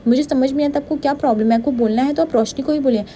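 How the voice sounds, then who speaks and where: A woman voicing a hurt, reproachful young wife in a fast serial retelling. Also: sits high, mellow, slight background noise, pitched above the performer's own voice, lightly acted.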